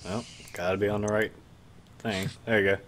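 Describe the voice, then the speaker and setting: A man narrating as game master of a streamed tabletop game, relaxed and rambling, with fillers. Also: fairly low pitch, fairly quick. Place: home stream setup.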